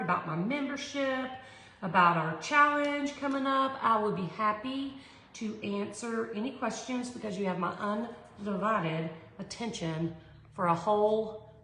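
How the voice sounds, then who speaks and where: Female live craft tutorial host, slower-paced, casual and rambling, roomy echoing sound. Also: mid-range voice, fairly bright tone. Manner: rambling, thinking aloud. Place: echoey indoor room. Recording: echoey room with background noise.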